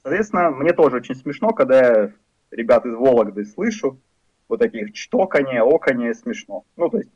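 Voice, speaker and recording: A Ukrainian-accented man in his thirties gives a conversational programming lecture as voice-over for a screen recording, speaking at a moderate pace with medium pitch and a very animated, slightly mellow, husky voice. He's frank, wry and loosely rambling, using fillers, and the dry recording sounds dull and lo-fi.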